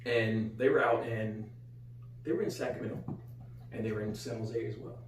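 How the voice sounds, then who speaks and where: Chatting casually on a couch in a small living room, this middle-aged co-host and father speaks with an American accent and leans on repeated phrases for emphasis. His pitch is fairly low and his pace normal. The mic is distant, giving a roomy, off-mic sound with a faint hum underneath.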